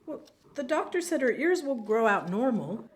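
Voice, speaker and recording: A woman's voice: on the high side, sing-song, moderate pace. An actress playing a sarcastic, confrontational young woman arguing with her mother in an audio drama. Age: young adult. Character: sharp-tongued grown daughter, Penelope.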